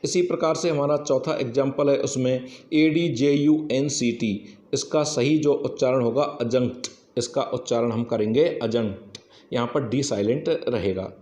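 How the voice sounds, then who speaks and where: A man's voice: mid-range voice, a little slow, mellow. Man teaching in an echoey room. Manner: explains step by step, keeps saying "yes, friends". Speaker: English teacher. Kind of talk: exam-prep lesson.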